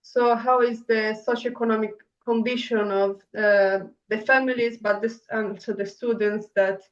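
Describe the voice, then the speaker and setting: A woman's voice: fairly high pitch, steady tone, moderate pace. A woman hosting an interview, asking questions hesitantly with many "uh" fillers. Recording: dull, echoey and distant.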